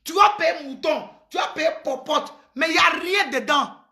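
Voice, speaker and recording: A high-pitched, bright-toned woman speaks emphatically, preaching advice at her listeners. She sounds middle-aged and forceful in delivery. The recording sits in an echoey room. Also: moderate pace. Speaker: commentator giving advice. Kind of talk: impassioned advice monologue.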